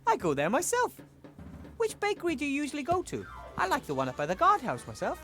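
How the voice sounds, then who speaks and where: A cheerful young woman mage from a game, friendly and curious. Her voice is high and leaps around with life. Faint music plays behind her. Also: wildly swooping pitch, quick pace, heavily acted. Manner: bright, friendly questioning.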